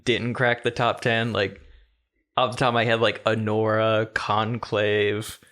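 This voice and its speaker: A young man co-hosting a casual film podcast, easygoing and relaxed, saying "yeah" and "like" a lot. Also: fairly low pitch, measured pace. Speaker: podcast co-host. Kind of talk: casual chat.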